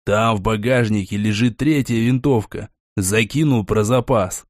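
A man voicing a gruff young fighter who talks curt and barks orders. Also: on the low side, unhurried, no room sound, clean studio sound, voice pushed down, close to an everyday voice. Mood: calm.

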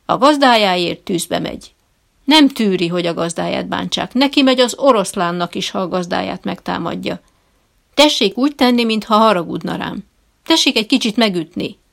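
Woman putting on a booming bossy dog trainer. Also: very animated, vocal fry, heavily acted. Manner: booming, commanding, then pleading. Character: loud bossy middle-aged male dog trainer.

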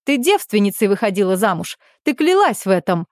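A woman voicing an indignant middle-aged aunt who pleads and accuses loudly. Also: medium pitch, sing-song, fairly quick, dry recording, clean studio sound, lightly acted. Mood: pleading.

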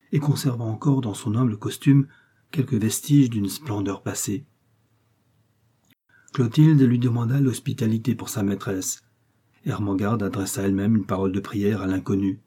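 Male audiobook narrator, dark mellow tone, measured reading. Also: fairly low pitch, breathy edge. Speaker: audiobook reader. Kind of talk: scripted narration of a classic novel.

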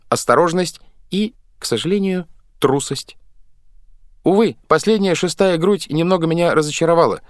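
A man voicing an odd, calm-spoken boy cabin hand in a read-aloud story, high and animated. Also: no echo, studio quality, close to an everyday voice. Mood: matter-of-fact. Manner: high, animated, matter-of-fact explaining.

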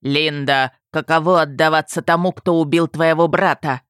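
A woman voicing a menacing, rotting undead dragon who is the narrator's father, slow and gloating, in an audiobook. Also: deep voice, steady tone, a bit bright, clean tone, no room sound, studio quality.

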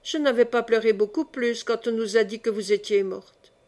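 A woman's voice: fairly high pitch, steady tone, moderate pace, a little mellow, natural voice. A woman reading the part of a young peasant woman who speaks with naive, tearful emotion. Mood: tender.

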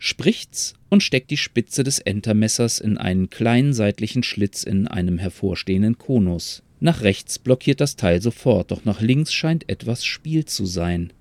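A man narrates a story in a calm, measured way. His voice sits a little low, and the recording is close and dry, with no room around it. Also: no echo.

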